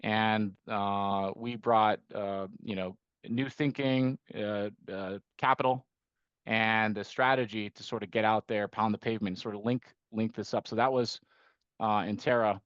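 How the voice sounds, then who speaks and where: On a conversational podcast, the guest, an investment firm managing partner who grew up in Costa Rica, describes his investment work with frequent restarts and rhetorical "right?" tags. He's a middle-aged man with a fairly low, smooth, slightly bright voice, fairly even intonation and a measured pace. There's no room sound, though the audio is lo-fi.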